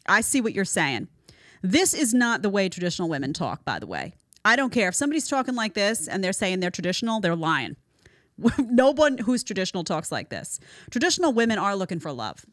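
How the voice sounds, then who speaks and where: A woman's voice: medium pitch, big pitch swings, brisk, fairly bright tone, no room sound, clean studio sound. A woman hosting a social commentary podcast, talking emphatically and with strong opinions. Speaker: podcast host.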